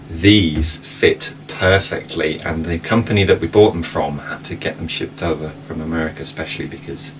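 A man in his thirties, a sailing vlog host, calmly explaining his gear step by step inside a boat cabin. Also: low voice. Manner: relaxed, practical, explains step by step. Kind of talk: casual explainer. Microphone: wide camera across a table. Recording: distant camera mic with background noise.

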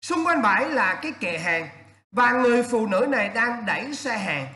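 A man's voice: very high-pitched, sing-song, moderate pace, bright, forceful tone, echoey room. Emphatic male teacher. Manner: emphatic, repeats key points, asks rhetorical questions. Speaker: English exam teacher. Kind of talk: spoken exam-prep lesson.

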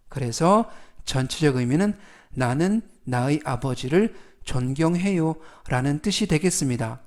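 Slow, careful English vocabulary narration from a man aimed at native Korean speakers, with each word repeated clearly. He speaks in a somewhat high, slightly mellow voice.

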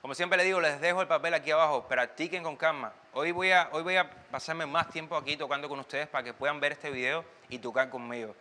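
A man's voice: a little high, fairly even intonation, fast talker, hardly any pauses, bright, forceful tone, long reverb tail. A man giving a casual online timbal lesson, chatty and loose, sometimes singing drum patterns aloud while swaying as he talks. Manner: moves and sways while talking. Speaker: timbal teacher.

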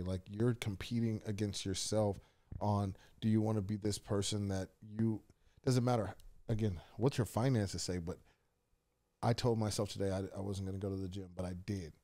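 Mellow low-voiced male podcast host. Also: fairly even intonation, normal speed. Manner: motivational, swears casually. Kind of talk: casual chat.

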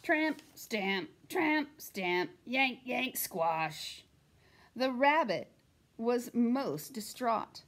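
Lady reading a kids picture book, slow and bouncy, breathy voice. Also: a little high, lively intonation, fairly bright tone. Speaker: storytime reader. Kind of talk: children's picture book read-aloud.

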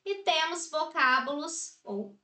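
A woman from Brazil gives a recorded grammar lesson in a bright, fairly high voice. She explains at an unhurried pace and keeps checking in with short tag questions. The room around her sounds echoey. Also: expressive. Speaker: teacher.

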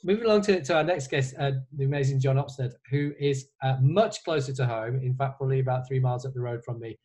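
A man's voice: medium pitch, quick pace, a little mellow. Middle-aged male host from Yorkshire, easygoing chatter full of fillers, headset-mic video call from home. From Yorkshire, England. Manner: chatty, frequent fillers and restarts. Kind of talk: casual video-call chat. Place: bedroom at home.

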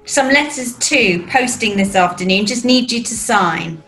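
A woman's voice: a little high, lively intonation, a little slow, a bit bright, soft background music, poor audio. A woman playing a fussing, coaxing British mother in a rehearsed script reading over a video call. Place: small room at home, video call.

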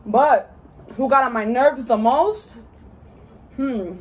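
A woman's voice: a little high, slow, darkish tone, slightly rough. A young woman hosting her channel, chatting in a slangy, laid-back way while eating with friends. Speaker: channel host. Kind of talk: casual mukbang chat.

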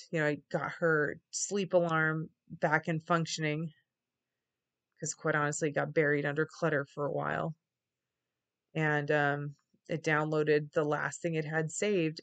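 A woman's voice: sits low, flat delivery, unhurried, a bit bright. A middle-aged woman speaking casually and candidly to camera, weary and reflective. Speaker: vlogger. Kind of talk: casual confessional vlog talk. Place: small wood-paneled room indoors.

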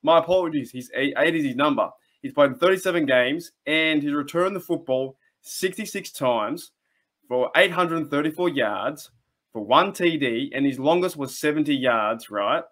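A man's voice: a little high, expressive, normal speed, fairly bright tone. A young Australian man hosting a sports fan channel, talking casually to camera from a small room at home, chatty and enthusiastic with frequent restarts and asides.

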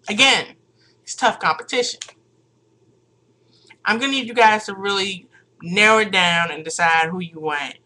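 A woman's voice: medium pitch, sharp tone. A woman vlogging casually, chatty and sassy, rambling and laughing often. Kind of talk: casual unscripted vlog.

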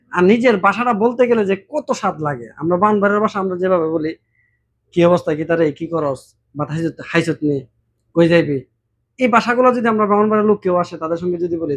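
Bangladeshi man. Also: high voice. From Brahmanbaria, Bangladesh. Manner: mimics regional dialects, animated and warm-hearted. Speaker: vlogger. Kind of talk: casual monologue to camera.

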